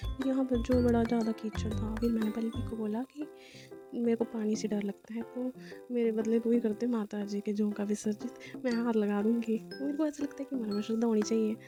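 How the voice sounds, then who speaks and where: A woman's voice: a little high, steady tone, normal speed, music in the background. A young woman narrating her day out with a friend in a rambling, chatty vlog voice-over, full of fillers. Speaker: vlogger.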